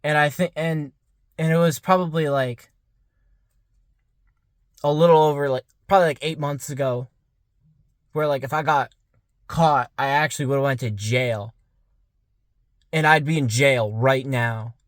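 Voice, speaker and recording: A man's voice: mid-range voice, steady tone, measured pace, pauses often, no echo, studio quality. A young man of about twenty musing aloud in a rambling vlog monologue, full of "like" fillers. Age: around 20. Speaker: vlogger. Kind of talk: casual reflective monologue.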